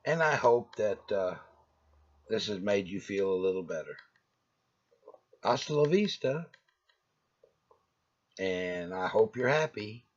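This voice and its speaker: A man's voice: lowish voice, lively intonation, slow, long pauses, highs cut off. A man delivering a rambling, sarcastic comic rant and laughing at his own jokes. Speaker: comic ranter.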